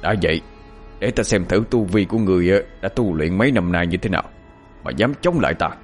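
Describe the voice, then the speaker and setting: Man playing a gruff old exorcist. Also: low-pitched, lively intonation, fast talker, faint music behind. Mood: stern. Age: older. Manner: stern, scolding, chanting spells. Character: gruff, commanding older male exorcist.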